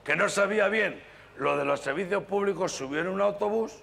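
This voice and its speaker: A man's voice: high voice, brisk, creaky. A man telling jokes on stage as a stand-up comedian, acting out the characters in his stories. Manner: lively storytelling, acting out characters. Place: TV studio stage with audience. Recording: hall echo, audience laughter.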